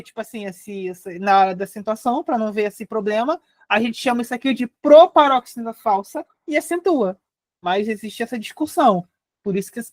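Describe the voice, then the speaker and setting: A young Brazilian woman teaching a live online grammar lesson, explaining step by step and spelling out syllables slowly. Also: on the high side, no echo, studio quality. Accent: Brazilian Portuguese.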